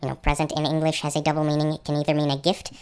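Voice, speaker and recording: A man presenting a casual, explanatory slideshow narration, his voice electronically pitched up like a helium chipmunk. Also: completely flat delivery, very fast, smooth. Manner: conversational, explanatory. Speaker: channel host presenter.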